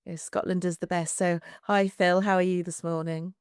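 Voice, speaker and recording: Podcast co-host, woman, smooth lowish voice, chatty. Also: flat delivery, moderate pace, no echo, studio quality. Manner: chatty, stammering restarts. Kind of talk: casual podcast chat.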